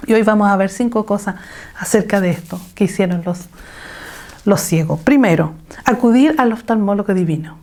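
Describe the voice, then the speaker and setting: Woman teaching a warm Bible lesson. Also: mid-range voice, moderate pace. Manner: exhortative, asks the listeners rhetorical questions. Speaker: women's Bible study teacher. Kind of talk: online women's Bible lesson. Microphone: video call.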